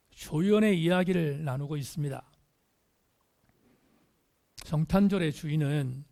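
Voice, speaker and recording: A male pastor preaching in a church sanctuary, his fairly high voice carrying a gravelly edge. He lays out his sermon in short, measured phrases and repeats key words. He builds in volume on the points he wants to drive home. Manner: emphatic, repeats key phrases and swells louder on them; measured, phrase-by-phrase delivery with pauses.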